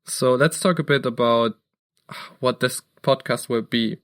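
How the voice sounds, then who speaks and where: A man's voice: mid-range voice, a little slow. A young man from Germany, co-hosting a podcast and talking earnestly about his background. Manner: earnest, steady, occasional restarts. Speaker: podcast co-host. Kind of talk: casual chat.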